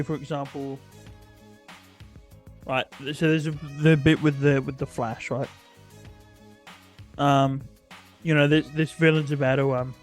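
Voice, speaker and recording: Hesitant man chatting about comics. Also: fairly high pitch. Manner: hesitant, filler-heavy with restarts. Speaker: host. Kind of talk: casual comic-book chat.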